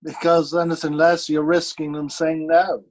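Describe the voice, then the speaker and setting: Guy on a call giving quick answers, bit of line noise, slightly higher voice. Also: level tone, darkish tone. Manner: brief, agreeable replies. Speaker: agent being coached.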